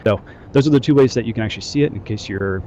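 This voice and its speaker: A squad trainer runs a game training session over group voice chat, giving loose instructions full of fillers. His voice is fairly low and mellow, and he talks rapid-fire, with dull audio and slight background noise.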